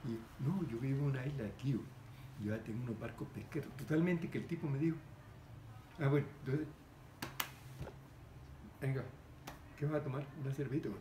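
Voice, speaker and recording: Speaking a little fast with frequent pauses, an older man in a mid-range voice relates a story in relaxed conversation. He animatedly plays the characters, gesturing a lot and giving them voices. The setting is a table in an indoor room with framed pictures, captured with echo and background noise.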